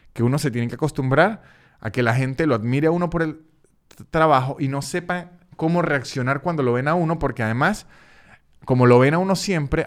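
A Venezuelan man with a Venezuelan accent, a comedian and podcast host, casually telling an animated comic story with swearing and repetition. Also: fairly high pitch. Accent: Venezuelan Spanish.

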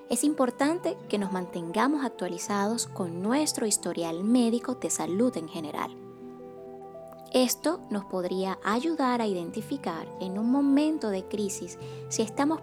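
On her wellness podcast, a psychocorporal facilitator reads a scripted monologue in a gentle, calm and measured way. Her pitch is fairly high.

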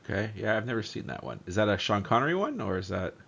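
A man's voice: on the low side, fast, gravelly. A man co-hosting a casual podcast, joking and cursing as he chats about movies. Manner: joking, animated, swears casually. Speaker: podcast co-host. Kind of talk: casual chat. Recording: dull lo-fi audio.

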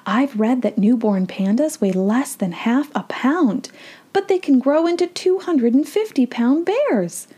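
A woman voicing an elegant, gracious older lady in a storybook read-aloud, speaking slowly and softly. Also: high voice, expressive, husky, pitched above the performer's own voice, exaggerated voice.

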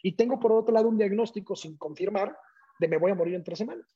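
Husky-voiced man telling his story. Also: sits high, fast. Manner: animated, acts out quoted dialogue. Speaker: guest. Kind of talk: personal storytelling in conversation. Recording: dull lo-fi audio.

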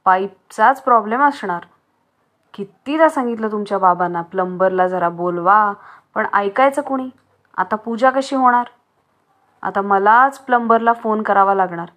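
A woman's voice: mid-range voice, normal speed, fairly bright tone, close to an everyday voice. Woman voicing a firm, brave mother. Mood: exasperated. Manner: firm, scolding.

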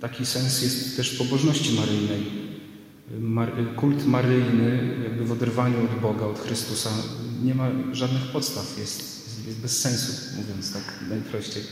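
A priest giving an earnest, measured talk on faith, recorded in a church with its reverb. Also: male voice, medium pitch, steady tone. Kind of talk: sermon-style talk on faith. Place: church in a large city.

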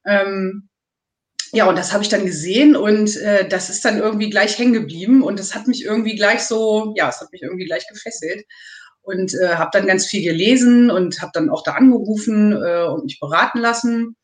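A woman in her thirties, a nursing student, talking hesitantly and at length in a casual interview over a call. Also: medium pitch. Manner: rambling, hesitant with many pauses. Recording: echoey room.

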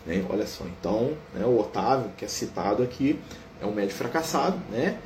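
A man with a Brazilian Portuguese accent leads a study group, reading a religious text aloud slowly and then explaining it casually, tagging almost every phrase with a question. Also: lowish voice, animated, darkish tone. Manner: reads quoted passages slowly and deliberately. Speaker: study group leader reading a spiritual book. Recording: roomy echo with faint ambient noise.

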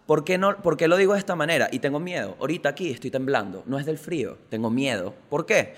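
Slangy Venezuelan man, comic podcast rant. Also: a little high. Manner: slangy, animated, swings between loud bursts and mutters. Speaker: podcast host, stand-up comedian. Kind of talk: casual comic monologue.

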